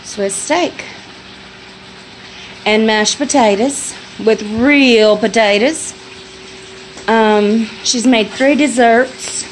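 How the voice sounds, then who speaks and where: Over the sizzle of frying food, a middle-aged homestead vlogger films with her phone in a small kitchen at home, casually chatting in a folksy way and laughing easily. Her voice is on the high side, very slow, with long pauses. The low-quality audio has a little hiss or hum.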